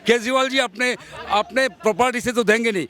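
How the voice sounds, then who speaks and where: A man's voice: extremely high pitch, fairly quick, sharp tone. A man in his fifties from Assam, arguing his views insistently in a street interview outdoors. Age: 50s. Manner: argumentative, insistent, lecturing.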